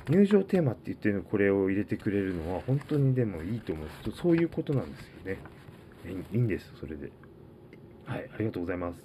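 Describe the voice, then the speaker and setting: A man with a low, mellow voice talks casually on his own, working through a list and rambling about each item with lots of hesitations. Faint hiss sits under the recording. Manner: rambling, filler-heavy, reads out list items. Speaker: podcast host. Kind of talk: casual solo talk.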